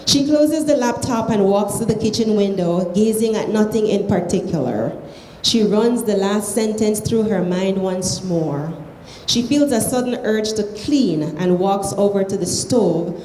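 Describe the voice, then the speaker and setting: A woman with a Belizean accent reads a short story aloud in a soft, mellow voice. The room rings with echo and there is faint noise behind the measured, expressive delivery. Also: medium pitch. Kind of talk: literary reading aloud of prose fiction.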